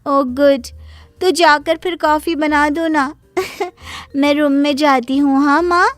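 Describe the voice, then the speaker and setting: A woman's voice: sits high, fairly even intonation, slow pace, no room sound. A woman voicing a spoiled young daughter. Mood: careless. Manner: careless, demanding. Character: spoiled young adult daughter, rude and lazy.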